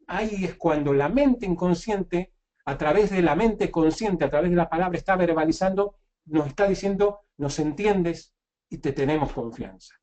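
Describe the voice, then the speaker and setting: A sales trainer teaches sales technique in a high-sitting, darkish voice. He goes through it step by step, often restarting his phrases. He keeps checking in with the listener along the way.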